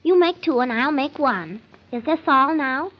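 A nervous, prim wife in an old radio comedy. Her voice is high, earnest and fretful, stubbornly insistent. It comes through a dull, lo-fi vintage recording. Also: lively intonation, unhurried.

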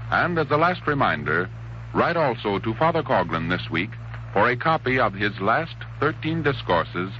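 Male 1930s radio announcer, earnest formal appeal, muffled old broadcast with faint hum. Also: medium pitch. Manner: earnest, urging appeal to listeners. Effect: old radio broadcast sound.

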